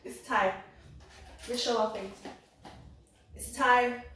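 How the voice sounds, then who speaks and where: A woman's voice: a little high, steady tone, slow, a bit bright, a little hiss or hum. A woman chatting casually during a food challenge, often laughing as she talks. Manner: giggly, often laughing while talking. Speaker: video host. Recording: very echoey room, distant mic.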